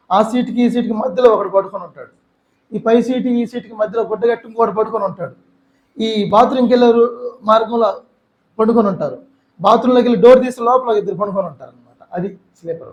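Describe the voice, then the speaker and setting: A man's voice: high voice, a little fast, reverberant, muffled recording. A man from Andhra Pradesh with a Telugu accent, giving an emotional testimony sermon and slipping in English phrases. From Andhra Pradesh, India. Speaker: missionary speaker. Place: church hall.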